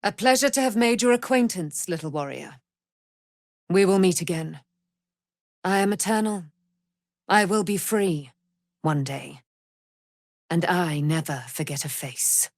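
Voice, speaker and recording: For a fantasy game, an actress voices a proud, wrathful immortal warrior, daughter of a moon goddess, declaiming theatrically in grand archaic speech. Her lowish voice is unhurried with frequent pauses, recorded cleanly in a studio without echo.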